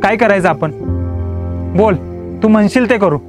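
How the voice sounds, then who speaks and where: A man's voice: high voice, moderate pace, soft background music, natural voice. An actor playing Akash, a tense young man who snaps insults at his partner. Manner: hot-tempered, insulting, then softening.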